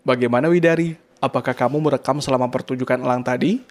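A man's voice: mid-range voice, fairly even intonation, fast, a little hiss or hum, close to an everyday voice. A man playing a friendly male blogger at a bird park, in a scripted radio dialogue, talking in a casual, questioning way. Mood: curious.

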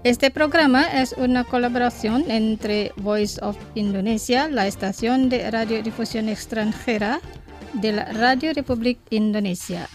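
A woman's voice: a little high, unhurried, faint music behind. A woman presenting a radio language lesson, reading from a script and carefully saying each phrase twice so that listeners can repeat it.

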